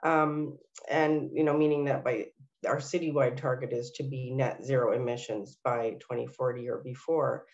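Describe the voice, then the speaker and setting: Still nasal while recovering from illness, a woman with a bass voice and steady tone gives a webinar workshop as a senior city policy planner. She speaks at normal speed, slightly mellow, with frequent ums and uhs as she requests the next slides, over dull audio.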